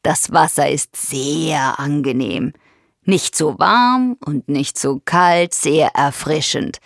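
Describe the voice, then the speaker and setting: A woman voicing a huge, friendly male hippo in a children's story, speaking in a slow, rumbling drawl. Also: creaky, no echo, clean studio sound, heavily acted. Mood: calm.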